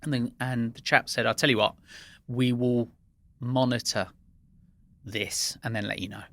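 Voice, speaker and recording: Bright-voiced man telling earnest anecdotes. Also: medium pitch, fairly even intonation, a little slow. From Iran, raised in England. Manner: earnest, anecdotal, with frequent restarts. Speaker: guest. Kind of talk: interview conversation.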